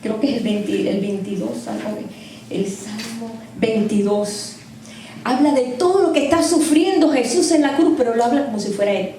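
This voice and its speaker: Woman Bible teacher, storytelling sermon, mellow tone, distant mic in a very echoey room. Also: fairly high pitch, normal speed, slight background noise. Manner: storytelling, acts out dialogue, addresses listeners as brother.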